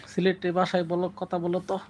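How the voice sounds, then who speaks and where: A man's voice: high voice, completely flat delivery, fairly quick, heavy background noise. A man chatting casually on a live stream, answering viewers' comments and playfully slipping into dialect phrases.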